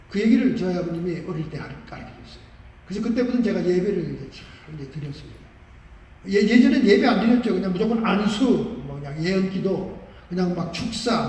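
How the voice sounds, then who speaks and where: A male pastor preaching a sermon, telling stories with animated emphasis. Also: high voice, slight background noise. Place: large church sanctuary. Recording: echoey church hall from far off.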